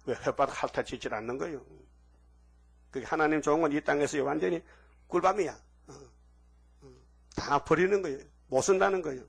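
Husky-voiced pastor preaching animatedly. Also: male voice, a little high, fairly quick, pauses often. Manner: animated storytelling with sudden shouts; asks the audience for agreement. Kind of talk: sermon.

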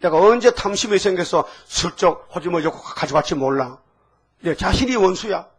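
Older man, pastor, sermon, high voice, husky, folksy, call-and-response. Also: animated, moderate pace.

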